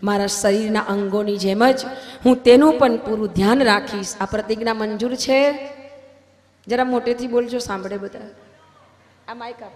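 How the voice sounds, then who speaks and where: Woman officiant preaching and reading vows, gets loud on the big points, long hall echo. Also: a little high, moderate pace. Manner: emphatic, swelling louder on key points. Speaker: wedding officiant at a religious gathering. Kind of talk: ceremonial vow recitation and preaching. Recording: long hall reverb, faint music.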